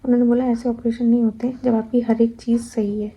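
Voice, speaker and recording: A woman's voice: fairly high pitch, fairly quick, slight background noise. A young woman vlogger, animatedly retelling a personal story in casual talk. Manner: animated retelling, acting out her own past cries. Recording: slightly dull lo-fi sound.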